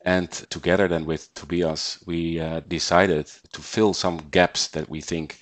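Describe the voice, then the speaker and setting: Very deep-voiced man from the Netherlands. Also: flat delivery, dry recording. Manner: measured, with frequent repeats and fillers. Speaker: guest, investment banker. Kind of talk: podcast interview, conversational.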